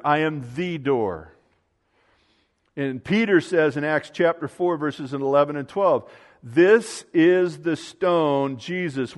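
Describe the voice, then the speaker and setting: A man delivers a sermon at a slow, deliberate pace, leaning on key words and drawing them out to teach. His voice carries the long reverb of a large church hall. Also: on the high side. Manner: teaching, stretches key words slowly for emphasis. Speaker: pastor.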